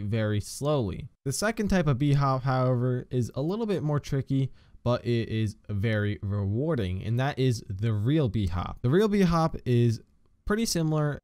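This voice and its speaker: A man's voice: medium pitch, darkish tone, clear, resonant tone, dry recording, studio quality. A young man hosting a gaming channel, giving casual step-by-step tutorial instructions to his viewers in a voice-over.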